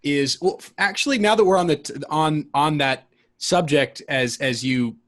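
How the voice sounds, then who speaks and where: At a moderate pace, a man with a slightly high, fairly bright voice chats on his album podcast. He's casual and enthusiastic, rambling along and frequently restarting sentences to correct himself.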